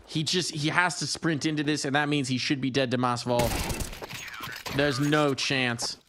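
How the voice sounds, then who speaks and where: A man's voice: fairly high pitch, fairly even intonation, normal speed. A man giving live esports play-by-play commentary, making dramatic, declarative calls in clipped phrases. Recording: clear game noise, gunfire and clicks. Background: game gunfire and clicks.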